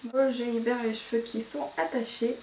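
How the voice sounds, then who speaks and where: Recorded in an echoey room with a distant mic and slight background noise, a beauty vlogger with a posh French accent walks through a hair tutorial. Her voice is a little high and slightly mellow, level in tone, at a moderate pace, full of hesitations, self-corrections, and fillers.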